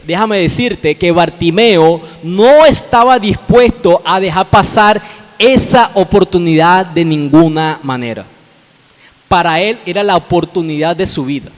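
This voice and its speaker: Man, Colombian accent, pastor preaching, fairly high voice, lingering church reverb. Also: measured pace. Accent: Colombian Spanish. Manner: explanatory, addresses listeners directly, repeats phrases for emphasis. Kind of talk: sermon. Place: church hall. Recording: long reverb of a church hall.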